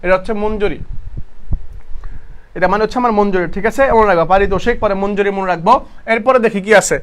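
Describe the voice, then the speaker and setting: A man's voice: high voice, brisk, a bit bright. A young man with a Bangladeshi Bengali accent teaching an online exam-prep vocabulary class. He repeats his questions to the students and corrects himself as he goes. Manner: repeats questions to students, talks to them as "bhaiya"; casual, self-correcting explanations.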